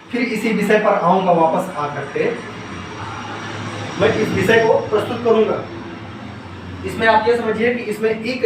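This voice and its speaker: Standing back from the microphone in a very reverberant room, a high-voiced man teaches grammar step by step. He asks his audience questions and then supplies the answers, repeating key terms, while a faint hiss runs beneath.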